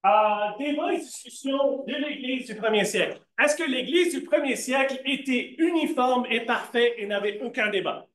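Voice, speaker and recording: A Bible teacher with a very high voice leads a church Bible class, talking to students at a moderate pace with hardly any pauses. Lively and conversational, he questions the class and answers himself, slipping into English asides. The church classroom sounds echoey.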